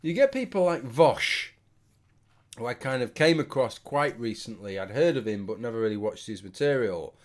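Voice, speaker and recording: A man's voice: mid-range voice, expressive, moderate pace. A British man giving a casual, rambling opinion monologue to his viewers in a tipsy, sweary manner. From United Kingdom. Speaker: video commentator.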